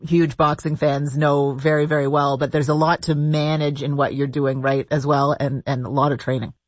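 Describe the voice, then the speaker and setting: A man's voice: a little high, little pitch movement, normal speed, dry recording, dull audio. A male radio host asking friendly, chatty interview questions.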